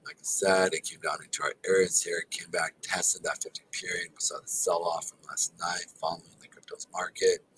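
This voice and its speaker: A man's voice: sits low, level tone, a little fast, hardly any pauses, fairly bright tone, a little hiss or hum, poor audio. A man giving live market chart commentary in a casual, filler-heavy way, calling his viewers guys, tired and with a sore throat. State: tired and exhausted; throat not feeling well. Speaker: crypto charting analyst.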